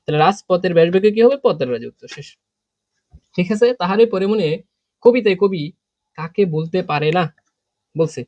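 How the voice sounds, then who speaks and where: A man's voice: high voice, lively intonation, a little fast, long pauses, a little mellow, no room sound, highs cut off. A young man with a Bangladeshi Bengali accent teaching an online exam-prep lesson, quizzing students and repeating his own answers.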